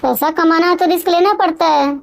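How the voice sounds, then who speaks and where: A woman's voice: very high-pitched, normal speed, gravelly. A woman doing smug scheming younger brother. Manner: smug and dismissive. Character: cocky scheming young man, later broken.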